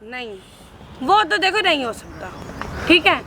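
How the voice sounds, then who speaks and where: A domineering, taunting woman who blackmails and then sweet-talks, played by a woman with a high voice. She is outdoors by a street with faint traffic noise behind her. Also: very animated, measured pace, sharp tone, heavily acted. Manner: bossy, taunting, switches to coaxing. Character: scheming pregnant woman blackmailing her employee into marriage. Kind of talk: scripted short drama.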